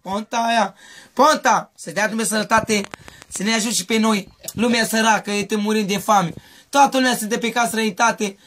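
A man with a very high, sharp, piercing voice rambles through a street interview. He pleads in circles and repeats the same questions again and again. He grew up in Mehedinți. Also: steady tone. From Mehedinți, Romania.

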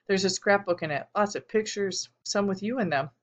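A woman reading the lines of a tearful, gentle middle-aged mother in an audiobook, in a soft, small voice. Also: medium pitch, a little fast, lightly acted.

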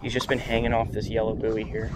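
A man's voice: on the low side, monotone, quick pace. A young man in a casual vlog, narrating to an action camera while he fishes from a small open boat. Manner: upbeat, talks to the camera while working the line. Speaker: fishing vlogger. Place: open flats boat on the water outdoors. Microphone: action camera mounted on the boat. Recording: wind and boat noise outdoors.

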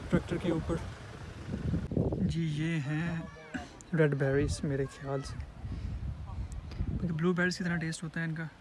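A young man talks in a chatty, explaining way, his voice a touch higher than most and a little sore in the throat. He films himself on a handheld phone outdoors on a farm. Wind and outdoor noise come through clearly behind him. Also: fairly even intonation, moderate pace, long pauses. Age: young adult. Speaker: vlogger. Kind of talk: casual vlog narration. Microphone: phone camera held by hand.

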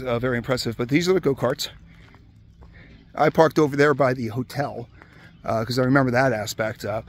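Chatty man filming outdoors at a park. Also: medium pitch. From Pennsylvania, Hershey area. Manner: relaxed, chatty, many "uh" fillers. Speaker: vlogger exploring a closed amusement park. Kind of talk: casual walk-around commentary.

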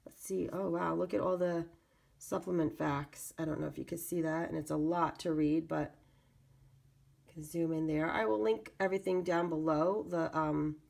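A woman hosting a casual unboxing video, with a raspy voice congested from a cold, pausing as she reads and comments. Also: low voice, steady tone, a little mellow. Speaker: video channel host. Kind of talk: casual product unboxing narration.

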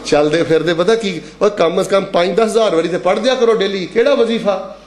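Preaching man with a soaring, echoing voice. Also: a little fast. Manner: preaching with sweeping pitch, calls the crowd to repeat aloud, chants verses. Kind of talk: Friday sermon to a congregation.

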